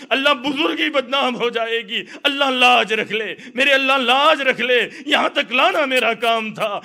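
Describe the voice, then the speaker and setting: A man's voice: very high voice, pushed and bright, voice pushed up, heavily acted. A man preaching who voices an elderly saint praying and crying, pleading with passion. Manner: pleading, impassioned.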